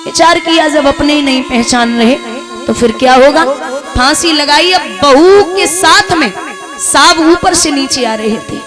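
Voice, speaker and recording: A woman storyteller tells a tearful devotional tale and preaches its lesson, talking straight to her listeners. Her voice is high-pitched, and music plays steadily behind the storytelling. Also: unhurried. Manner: emotional, addresses listeners directly.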